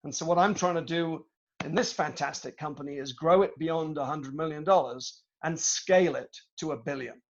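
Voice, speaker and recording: A middle-aged British man tells business stories to a student audience, speaking in a measured, reflective way with many small pauses. His voice sits a little high for a man. It comes through a dull, lo-fi video call line. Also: vocal fry. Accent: British English. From Britain. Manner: measured, reflective, with frequent hesitations. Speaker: guest speaker, tech executive. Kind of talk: storytelling talk to students.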